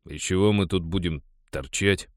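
A man's voice: low-pitched, moderate pace, no room sound, studio quality, natural voice. A man voicing a lazy, boastful male warrior in an audiobook.

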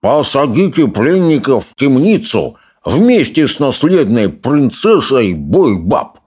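A man reading an audiobook, voicing a fat, greedy, pompous male consul who talks in a slow, smug, chomping drawl. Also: mid-range voice, sing-song, a little mellow, slightly rough, voice pushed up, full character voice.

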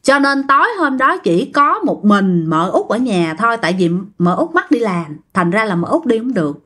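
A woman's voice: fairly high pitch, sing-song, normal speed, fairly bright tone. A woman with a Southern Vietnamese accent narrating a ghost story in a chatty way, talking straight to her listeners. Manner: chatty, addresses listeners directly.

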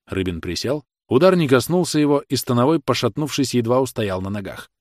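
A man narrating a classic novel as an audiobook, steady and measured with dramatic weight. His voice sits in the middle of the male range, recorded close and dry with no room around it. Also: mid-range voice, no echo.

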